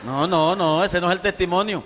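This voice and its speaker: High-voiced Colombian pastor preaching in a big hall. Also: male voice, normal speed, a little hiss or hum. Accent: Colombian Caribbean Spanish. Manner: animated storytelling, acting out voices, swings from shouting to hushed. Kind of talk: sermon testimony. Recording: long hall reverb.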